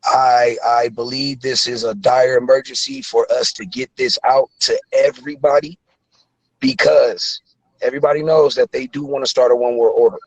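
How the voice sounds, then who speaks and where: A man's voice: mid-range voice, fairly even intonation, normal speed, rough recording. A man in his thirties calling in to a talk show, speaking earnestly and rambling with many fillers. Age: 30s. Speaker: caller. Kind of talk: casual call-in chat.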